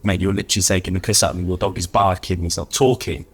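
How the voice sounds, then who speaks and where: A man's voice: low voice, level tone, quick pace, breathy edge, pitched below the performer's own voice. A man voicing a grumpy, skeptical man in a told joke, blunt and swearing. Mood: annoyed.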